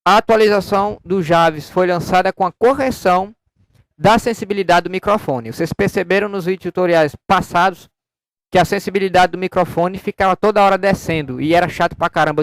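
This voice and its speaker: A man talks casually through a software tutorial, explaining each step and testing his microphone with short repeated words. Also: sits high, fairly even intonation, fast talker, clean tone, dry recording. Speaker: software developer demoing his program. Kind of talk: casual screen-recorded tutorial. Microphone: studio microphone through an audio interface.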